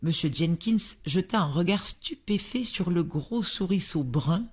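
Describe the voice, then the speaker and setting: Slow, expressive woman audiobook narrator. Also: lowish voice, husky. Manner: expressive, measured reading. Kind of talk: scripted narration.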